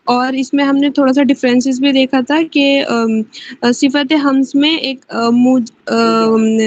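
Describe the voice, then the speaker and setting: A woman student summarizing a lesson over a video call. She hesitates often and fills pauses as she explains. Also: sits high. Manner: hesitant, many fillers. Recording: dull lo-fi call audio.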